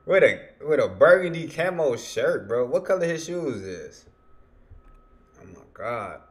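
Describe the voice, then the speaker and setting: A man's voice: medium pitch, sing-song, a little slow. A young man reacting to a street video, making joking, teasing remarks into a gaming headset from a room at home. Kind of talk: reaction commentary.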